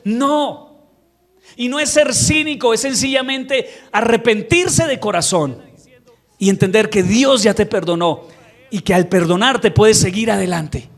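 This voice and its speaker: A male pastor delivers a sermon in a church. He tells the story in a lively, humorous way, and his voice sits somewhat high for a man. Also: moderate pace. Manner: animated storytelling, acting out quotes with humor.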